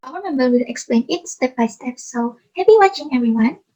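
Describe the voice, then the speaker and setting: A young woman from Indonesia presenting a class coding project, in halting, simply phrased speech. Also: high-pitched, animated, dark tone, poor audio. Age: young adult. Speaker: student presenter.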